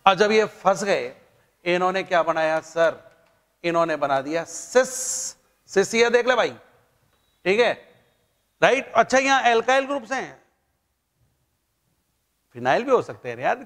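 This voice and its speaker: Lively high-voiced Indian teacher, reverberant. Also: male voice, a little slow, pauses often. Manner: playful, chatty teaching with jokes and asides. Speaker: chemistry teacher. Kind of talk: classroom lecture.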